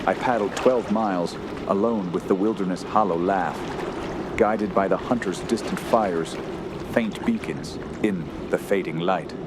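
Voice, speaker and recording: In a radio horror play, a male actor with a low voice plays a haunted young wilderness survivor narrating his terror. His delivery is slow, grave, solemn and theatrical, full of dread, and it falters when the character is distressed. Constant outdoor ambience sits behind his voice.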